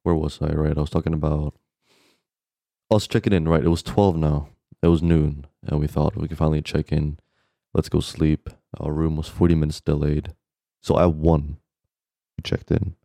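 A young man speaks in a very low, relaxed voice, dryly recorded. He co-hosts a podcast like a frat bro, telling stories casually with slang and constant swearing. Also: moderate pace, creaky, no room sound, studio quality. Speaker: podcast co-host. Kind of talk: casual chat, storytelling.

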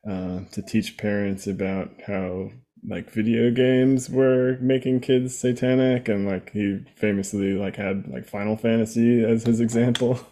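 A man's voice: on the low side, fairly even intonation, unhurried, warm tone. A man co-hosting a podcast, giving a wry, conversational recap of a comic book. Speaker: podcast co-host.

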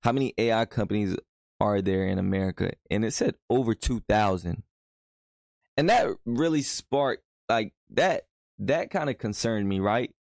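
A young man hosts a solo podcast in a loose, conversational flow, often tossing in "you feel me". His voice sits fairly low with a gravelly fry. The sound is dry and close, with no room around it. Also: moderate pace, darkish tone, dry recording. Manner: laid-back, conversational, frequent "you know what I'm saying". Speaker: podcast host. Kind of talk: casual solo podcast monologue.

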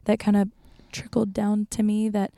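A young woman in her twenties chats as a podcast guest, her voice mellow and relaxed. She tells stories from growing up and laughs easily. The sound is dry and close. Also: mid-range voice, normal speed, gravelly, no echo. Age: 20s. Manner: chatty, laughing storyteller. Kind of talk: casual chat.

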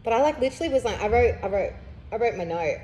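A woman's voice: on the high side, animated, quick pace, dark tone, a little hiss or hum. A young woman, chatting candidly as a podcast host, rambling with lots of fillers and laughing through heavy subjects. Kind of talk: casual candid chat.

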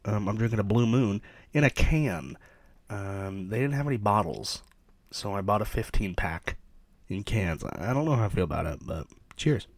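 A young man talks through his podcast intro in a loose, joking ramble full of ums and uhs. His voice sits fairly low. The sound is close and dry, with no room around it. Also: animated, normal speed, no room sound. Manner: rambling, jokey, lots of fillers. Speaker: podcast host. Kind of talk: casual chatty podcast intro. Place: his trailer behind an amusement park.

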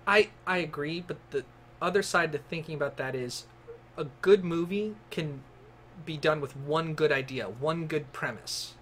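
A young man chats loosely about movies in a bright, fairly high voice. He rambles and laughs easily. A faint hiss of noise sits behind him. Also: moderate pace. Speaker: podcast co-host. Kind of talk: casual chat.

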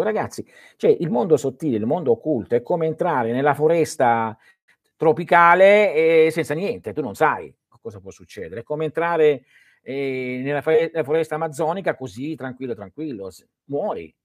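A middle-aged man hosting a livestream, reading out viewer questions and answering them in an animated, chatty way that often restarts mid-sentence. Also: mid-range voice, slightly rough, no echo, clean studio sound. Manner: animated, repeats and restarts, talks to viewers directly. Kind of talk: casual esoteric livestream talk.

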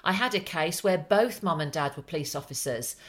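A middle-aged woman, a family law solicitor hosting a podcast, explaining things in a calm, measured way. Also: low voice. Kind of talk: casual podcast chat.

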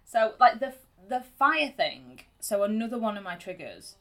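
A woman's voice: fairly high pitch, sing-song, moderate pace, a bit bright. A woman co-hosting a casual podcast chat, telling stories and acting out quotes in an amateur home recording. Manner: chatty, storytelling, acts out quotes. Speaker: podcast co-host. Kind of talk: casual chat about anxiety.

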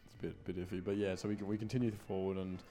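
A man's voice: low voice, flat delivery, fast, warm tone. A man, casually recapping a horror film scene by scene on a podcast, rambling and swearing freely. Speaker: podcast co-host.

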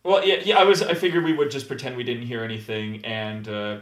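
A man playing a tabletop game, animated and playful. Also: mid-range voice, fairly quick, roomy sound. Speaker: player.

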